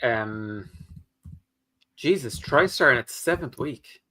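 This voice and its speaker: A man's voice: mid-range voice, animated, slow pace, sharp tone, a little hiss or hum. A man, maybe, chatting casually on a livestream, half talking to himself with dry exclamations. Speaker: co-host of a writing livestream.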